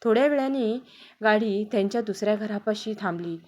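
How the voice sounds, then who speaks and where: Mellow woman reading a family story. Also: mid-range voice, fairly quick. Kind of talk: scripted story narration.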